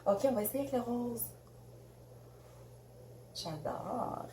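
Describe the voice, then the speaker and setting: A woman's voice: on the high side, expressive, takes it slowly, dark tone, roomy sound, a little hiss or hum. A woman with a Québécois French accent chatting casually and bubbly as she unboxes makeup for a beauty vlog, laughing often. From Canada. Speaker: beauty vlogger.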